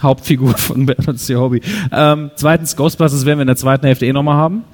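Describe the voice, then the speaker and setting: Fast, lively man in an echoey hall. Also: mid-range voice. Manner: animated, listing topics. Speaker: podcast co-host. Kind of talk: live podcast chat.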